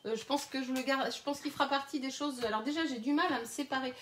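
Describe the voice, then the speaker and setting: A woman's voice: high-pitched, fairly even intonation, fast talker, a bit bright, slight background noise. A woman runs a live crafting tutorial, chatting to viewers with many hesitations and little laughs, recorded on a phone. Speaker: craft demonstrator.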